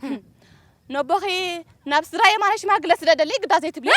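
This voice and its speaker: An actress as a quick, bickering sitcom woman. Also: very high-pitched, lively intonation, very noisy. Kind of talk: sitcom acting.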